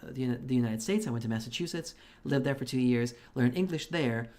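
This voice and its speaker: Streaming a game live, a Belarusian man whose first language is Russian keeps up a casual, swear-filled ramble, often starting his sentences over. He talks quickly in a medium-pitched, somewhat mellow voice.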